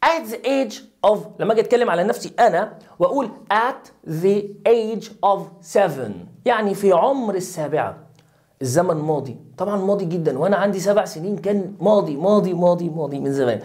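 A woman with an Egyptian Arabic accent teaching English grammar to young children. She says each English word slowly several times, then explains it briskly in Arabic. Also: lowish voice, animated, a little mellow. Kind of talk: recorded grammar lesson for children.

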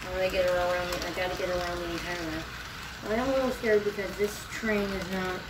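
A woman's voice: fairly low pitch, steady tone, quick pace. A woman hosting a hobby video, chatting casually at home in a rambling, giggly way with many fillers. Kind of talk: casual chat while working on a hobby. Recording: noticeable background noise.

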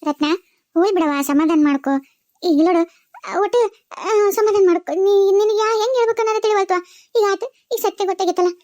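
A very high, thin woman's voice with a North Karnataka Kannada accent carries a whole cartoon cast by herself. She pleads and weeps her way through a family drama. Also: fast, warm tone. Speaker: cartoon storyteller voicing all characters. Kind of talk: emotional cartoon voice acting.

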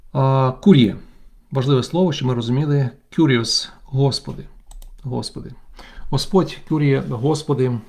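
A man leading a Bible study as bishop, working through Greek words one by one. His voice is gravelly and dark, with frequent thoughtful pauses. He sounds like he is speaking into a computer mic on an online call. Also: mid-range voice. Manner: deliberate, reads Greek words aloud and explains them, pausing often with "eh". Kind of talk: remote Bible lesson with Greek word study.

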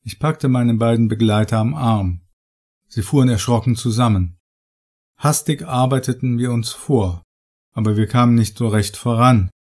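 A man reading first-person horror audiobook narration in a measured, dramatic way. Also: mid-range voice, a little mellow.

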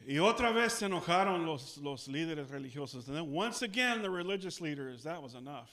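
A man with a South Texas Spanish accent preaches in church, shifting between Spanish and English, restating every point in both languages and leading the congregation in call-and-response. His voice is on the high side, animated and fairly bright, at a moderate pace.

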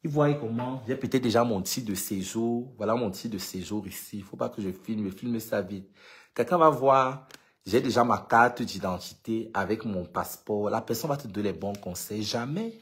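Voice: medium pitch, moderate pace, few pauses. An LGBT activist from Cameroon with a Cameroonian French accent, talking casually to followers in an emphatic way and repeating points for stress. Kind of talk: casual vlog monologue to followers.

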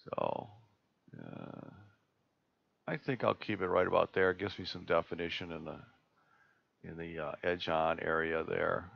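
A man presenting a live screen-share tutorial on a video call, talking in a relaxed, halting way with many fillers and restarts. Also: sits low, gravelly. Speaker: astronomy club presenter. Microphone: computer mic on a video call. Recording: dull lo-fi video call audio.

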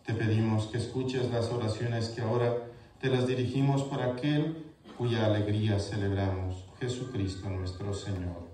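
A man, a priest, leading Mass prayers with measured liturgical recitation in a church sanctuary. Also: fairly low pitch, warm tone, a little hiss or hum. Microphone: far camera. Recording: echoey church from far off, congregation audible.

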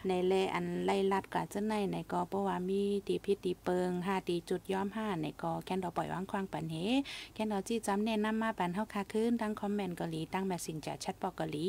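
Gravelly-voiced woman hosting radio talk. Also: fairly low pitch, a little mellow, a little hiss or hum. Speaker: radio host.

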